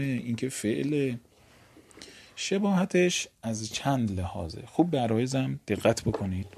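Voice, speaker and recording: A man's voice: medium pitch, gravelly, a little mellow, husky. A male teacher giving a grammar lecture, explaining step by step and asking the class questions that he then answers himself.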